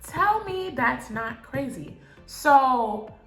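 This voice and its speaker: A young woman vlogger telling a story in a casual, animated way, swearing often and getting emotional. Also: high-pitched, extremely slow. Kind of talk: storytime vlog. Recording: echoey room with faint music.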